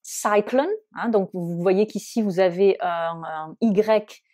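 Woman, English teacher, vocabulary lesson, warm mellow tone, slows down to pronounce words, hesitant fillers. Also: fairly low pitch, steady tone.

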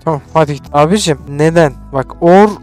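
A man's voice: on the high side, a little fast, a little mellow, faint music behind. A young man casually commentating his gameplay, chatty and exasperated, bossing his characters around. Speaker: gaming streamer.

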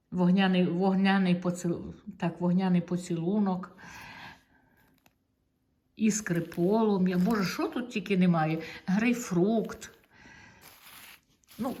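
A woman's voice: mid-range voice, warm tone. A middle-aged woman from Ukraine, a vlogger chatting casually to her viewers in a homely, talkative way, stretching out her words. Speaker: vlogger showing tomato seeds. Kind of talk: casual chat to camera.

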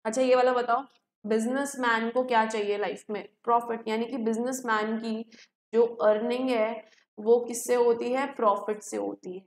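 A woman's voice: on the high side, flat delivery, moderate pace, reverberant, slight background noise. A woman with an Indian accent teaching a live online English class, chatty and encouraging, calling students beta. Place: home.

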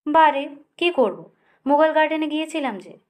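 High, bubbly teenage girl, as a woman reads her, eager and pleading, storybook. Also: animated, normal speed, a little mellow.

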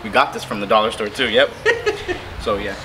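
A man in his thirties hosting a fishing vlog outdoors under a bridge by the water, chatting and joking with bursts of excitement. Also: on the low side, moderate pace, rough recording. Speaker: fishing channel host. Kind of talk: casual outdoor vlog chat. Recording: background music under the talk. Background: music.

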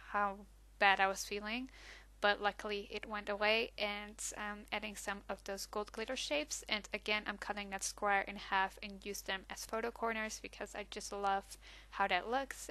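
A woman narrates her crafting video in a relaxed, conversational voice-over, pausing on little ums as she goes. Her tone is bright and forward but her pitch stays fairly flat. The recording is close and dry, with no room sound. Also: clear, resonant tone, no echo. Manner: relaxed and chatty, with frequent ums and small restarts. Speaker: scrapbooking channel host.

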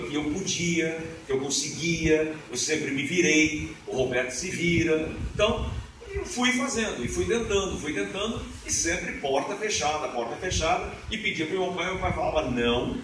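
A man in his fifties with a booming, resonant voice, giving an animated live motivational lecture with chatty asides. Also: normal speed, slight background noise. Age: 50s. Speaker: motivational speaker. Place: lecture hall of a spiritist association. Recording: echoey hall from far off, music behind.

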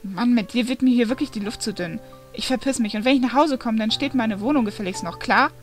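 A woman's voice: fairly high pitch, lively intonation, a little fast, faint music behind. A woman reading aloud voices a snappy, angry young male demon, the son of Satan, who scolds and demands answers. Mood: furious.

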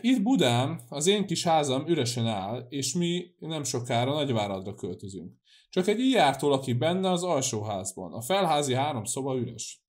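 A man's voice: medium pitch, very animated, voice pushed up, close to an everyday voice. A man voicing a stubborn old priest with a dull, muffled way of speaking in an audiobook. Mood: reading aloud. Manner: gruff, testy.

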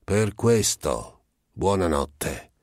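A man's voice: low voice, very animated, dry recording, studio quality, exaggerated voice. A man doing Nazzaro, an earnest pious vagabond. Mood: earnest calm. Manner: slow and solemn, bursting into fury.

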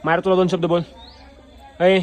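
A man's voice: sits high, level tone, moderate pace. A man vlogging casually at a family home, playfully coaxing the children to talk. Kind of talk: casual home vlog chat.

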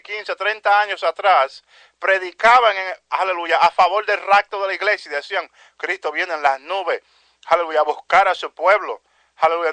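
A man delivers a fervent evangelical sermon in a high, bright voice. He keeps circling back to exclamations of praise and calls his listeners brothers. The recording is dry and close, with no room sound. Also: no echo. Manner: peppers speech with "aleluya" and "santo Dios", addresses "mi hermano"; impassioned, repetitive preaching cadence. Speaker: preacher.

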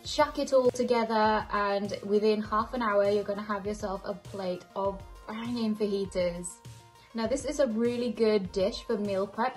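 A young woman walks through a recipe in a bright, chatty way, using plenty of slang. Her voice sits at a middle pitch for a woman. Soft music plays quietly under her. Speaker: cooking channel host. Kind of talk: casual recipe talk to camera, then voice-over narration. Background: soft background music.

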